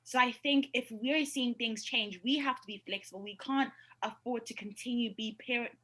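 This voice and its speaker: A young woman co-hosting a podcast over a video call, talking in an animated, emphatic way and laughing easily. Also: a little high, normal speed, poor audio. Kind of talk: casual panel chat.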